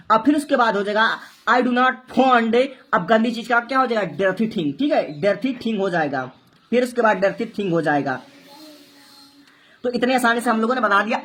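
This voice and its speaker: A woman whose voice is on the high side and a bit bright gives a Hindi-to-English translation lesson. She explains every step, answers her own questions, and spells the words out letter by letter.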